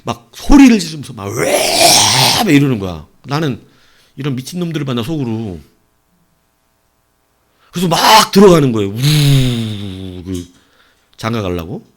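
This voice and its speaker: A man preaching an evening sermon as pastor, telling a personal story with sudden swings between loud and hushed delivery. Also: mid-range voice, sing-song, normal speed, long pauses. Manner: acts out voices of people in his story.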